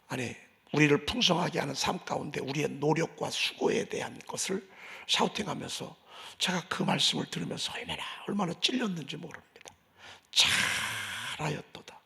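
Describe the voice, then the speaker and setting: A male pastor preaching a sermon in a church, swinging from loud declarations to hushed asides. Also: a little high, creaky. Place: church sanctuary.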